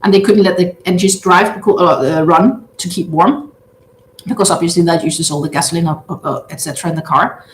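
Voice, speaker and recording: In her big open-plan living room, a woman in her thirties from Denmark livestreams casually, reading out viewer comments and chatting in a halting way with lots of filler sounds. A native Danish speaker with a Danish accent, she has a lowish voice. There's a roomy echo and slight background noise.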